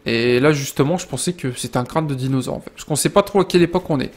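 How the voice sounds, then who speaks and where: A young man giving casual let's-play commentary, rambling to his viewers and breaking into loud exclamations during fights. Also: medium pitch, racing. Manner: chatty, rambling, addresses viewers directly. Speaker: gaming video creator.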